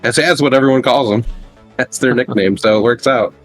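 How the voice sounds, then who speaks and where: A man's voice: mid-range voice, brisk, fairly bright tone, soft background music. A man chatting casually as a tabletop game player, laughing along and explaining things plainly. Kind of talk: casual chat between players.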